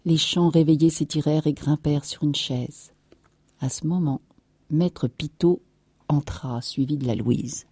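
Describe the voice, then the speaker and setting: A woman reads a novel aloud in a low, dark voice with a husky edge. Her delivery is measured and even, recorded close and dry. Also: no echo. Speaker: narrator. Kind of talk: audiobook reading of a novel.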